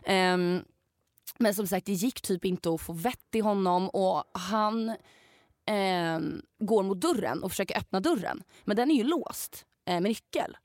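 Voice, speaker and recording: A young woman, a podcast co-host, casually telling a story in an animated way, swearing freely and acting out what people said. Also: mid-range voice, no room sound, clean studio sound.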